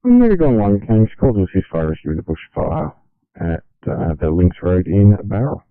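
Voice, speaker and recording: A man's voice: on the low side, sing-song, moderate pace, dry recording. A man passing procedural emergency messages over a two-way radio. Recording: narrow-band dry radio transmission.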